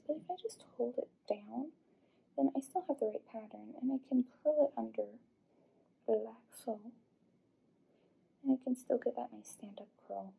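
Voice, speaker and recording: Chatting through a vintage hairstyling tutorial in a small room, this Illinois woman in her twenties speaks casually with vocal fry and a slightly rough voice, sometimes lowering to whispered asides. The audio is quiet and poor.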